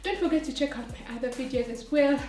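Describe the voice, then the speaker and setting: A woman's voice: high-pitched, quick pace, a little mellow. A woman fitness instructor leading a workout, encouraging and counting the reps aloud. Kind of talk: workout coaching. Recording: roomy echo, distant mic, faint music.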